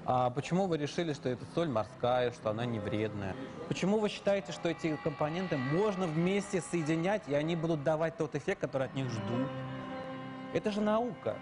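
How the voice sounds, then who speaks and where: Male studio guest, forties, sceptical, challenging, higher voice, music behind. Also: animated, a little fast. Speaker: studio guest, retail PR director.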